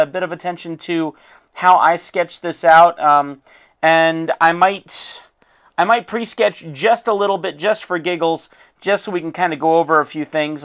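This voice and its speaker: This art teacher's voice is hoarse and fading as he loses it, fairly bright in tone and pitched higher than most men's. Guiding a student through a critique of her drawing in an apparent recorded lesson, he stays informal and encouraging, using many fillers.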